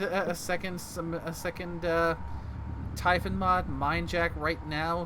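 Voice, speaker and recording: A man doing casual gaming commentary as a streamer, haltingly thinking aloud. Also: on the high side. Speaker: game streamer. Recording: loud background game noise.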